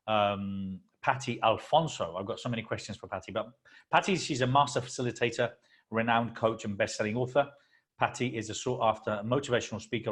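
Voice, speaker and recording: A man's voice: fairly low pitch, fairly bright tone. Effusive male host. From Spain. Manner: effusive, eager interviewer. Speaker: host and founder. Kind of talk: stage interview. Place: convention expo venue.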